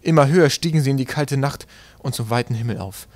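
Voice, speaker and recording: A man reading an audiobook in calm, steady narration. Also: medium pitch, quick pace, no echo. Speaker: audiobook reader. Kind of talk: scripted narration.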